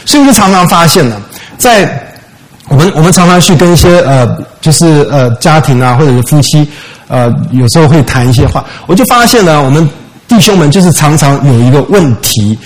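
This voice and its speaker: Man preaching an animated sermon. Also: a little high, brisk, rough recording. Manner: animated storytelling, rhetorical questions, mixing in English words. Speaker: pastor.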